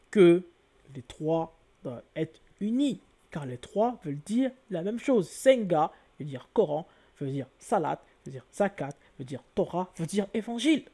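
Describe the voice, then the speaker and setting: A man's voice: fairly high pitch, warm tone. Didactic man spelling out word roots. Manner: didactic, spells out letters, corrects himself often. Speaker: lecturer on word origins. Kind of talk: explanatory lecture to viewers.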